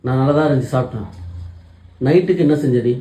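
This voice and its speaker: A man's voice: medium pitch, quick pace, mellow. A man arguing with his wife at home in an insistent, scolding way, repeating his points. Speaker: husband in a couple skit. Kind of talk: casual domestic argument. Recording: echoey room.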